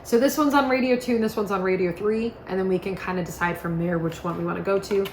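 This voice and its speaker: This woman demos a product quickly and casually, her mid-range voice fairly even in intonation yet still upbeat and chatty. Faint noise and echo fill the room.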